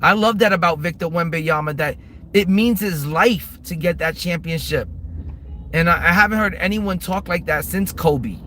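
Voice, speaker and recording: A man chats loosely on a livestream while driving, rambling and repeating himself. His voice sits high. Clear car and road noise runs under him the whole time. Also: moderate pace, bright, forceful tone. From New York, Manhattan. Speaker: streamer. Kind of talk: casual live-stream chat. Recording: noisy car interior.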